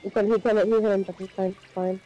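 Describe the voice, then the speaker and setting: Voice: medium pitch, level tone, fast, warm tone, muffled recording, soft background music. A player talking casually with teammates during an online game, somewhat hesitant and repeating words. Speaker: player in a team video game match.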